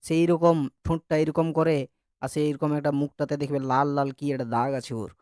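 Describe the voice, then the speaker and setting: A man's voice: on the high side, flat delivery, a little fast, a little mellow, no room sound, studio quality. A man teaching an online grammar class, chatty and joking as he drills vowel sounds with his students.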